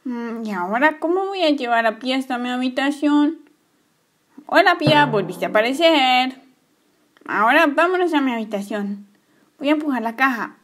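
A woman voicing Emma, a kind, secretive young girl, coaxing her pet gently in a toy story play. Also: high-pitched, animated, normal speed. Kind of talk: playing with toy figures.

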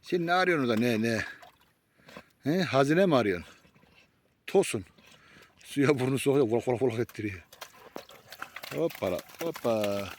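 A man with an average-pitched voice films his dogs outdoors, handheld. He talks casually to his viewers and keeps breaking off to dote on the animals with pet names. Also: lively intonation, moderate pace, long pauses, a little hiss or hum. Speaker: vlogger filming his dogs on a nature walk. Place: outdoors in nature.

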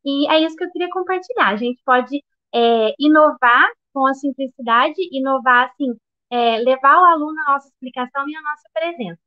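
A woman's voice: high-pitched, a little fast, lo-fi sound. A woman teacher with a Minas Gerais Brazilian accent sharing her experience in a casual, filler-heavy way. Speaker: primary school teacher. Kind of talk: sharing a practice at an online meeting.

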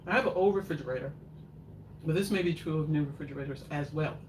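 Speaking quickly in a voice that sits low, an older woman cooks live in her home kitchen, chatting and rambling through viewer questions. A camera far off in front of the counter captures her, leaving the audio echoey and noisy with the mic at a distance.

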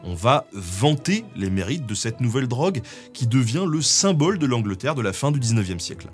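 A man's voice: medium pitch, big pitch swings, fairly quick, faint music behind. A man explaining history in a casual, chatty way, often dropping in small fillers. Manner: chatty, with many fillers like "hein". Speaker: guest co-host.

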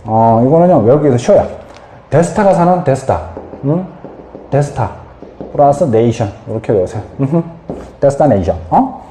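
A man gives a vocabulary lecture with a very lively, swinging pitch, asking his class questions and answering them himself. His voice is mellow and dark. It sounds like a roomy, echoey space. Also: normal speed, long pauses, slight background noise. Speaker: English vocabulary teacher.

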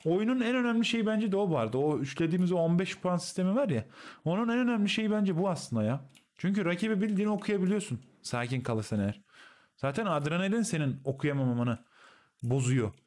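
A man's voice: high-pitched, lively intonation, quick pace, darkish tone. A man streaming and explaining a game replay to his teammates, coaching in a casual, slangy way. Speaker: streamer analyzing a match replay.

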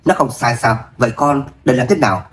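A man reading the part of a grasping, domineering mother-in-law from a storybook romance. She nags her daughter about money in a sharp, scolding manner and wails to get her way. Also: animated, fairly quick, slight background noise, lightly acted. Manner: shrill scolding, self-pitying wails. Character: scheming greedy middle-aged mother-in-law.

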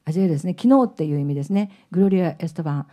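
Chatty woman bandleader with a mellow voice. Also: lowish voice, animated, very fast. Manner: chatty, laughs often, teasing. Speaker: singer and bandleader hosting a live stream. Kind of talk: casual onstage banter. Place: small live music club.

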